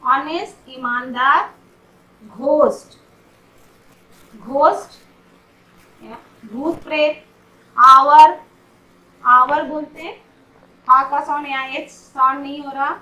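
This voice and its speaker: Slow, bright-voiced woman teaching pronunciation. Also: high-pitched, fairly even intonation, reverberant, distant mic, low-quality recording. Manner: says each word slowly, then gives its meaning. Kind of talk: slow explanatory lesson.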